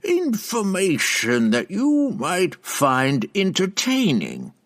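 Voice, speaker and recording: A withered old drow witch, as a male narrator puts her on, cruel and taunting, her voice pitched up high and strained in timbre. She stretches every word out slowly, savouring each mocking line in this audiobook fantasy. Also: huge pitch swings, fairly bright tone, dry recording, heavily acted. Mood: teasing. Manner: slow, mocking, drawn-out teasing. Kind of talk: audiobook character voice.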